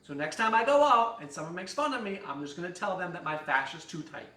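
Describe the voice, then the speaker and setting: Leading stretches in a fitness studio, a man jokes and counts down in a cheerful, instructive way. He sits high, talks fast and expressively with a sharp tone, and the echoey room is recorded from a distance.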